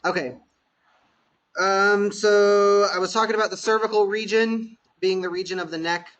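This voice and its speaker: Man, high voice, instructor, patient explanations, choppy video call, muffled lo-fi sound. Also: steady tone, moderate pace, a bit bright. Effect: choppy video-call connection. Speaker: massage therapy instructor. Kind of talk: online class lecture.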